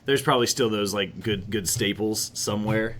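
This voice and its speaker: A man with a lowish voice narrates a tabletop game as game master. He rambles and feels his way through descriptions, full of fillers and restarts. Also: moderate pace, a bit bright, slight background noise. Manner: rambling, hesitant with many fillers.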